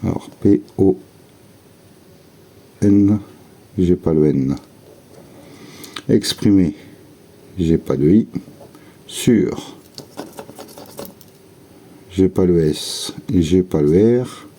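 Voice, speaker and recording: A man's voice: low voice, very slow, pauses often, dark tone. A man giving casual, methodical running commentary while scratching lottery tickets, murmuring letters and words to himself.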